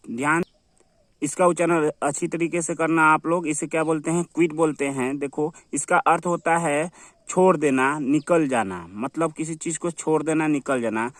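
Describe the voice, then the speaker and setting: Male teacher, slightly high voice, dry close recording, drills words with self-answered questions. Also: a bit bright, dry recording. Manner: repetitive, asks and answers his own questions. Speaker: English teacher. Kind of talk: classroom-style vocabulary lesson.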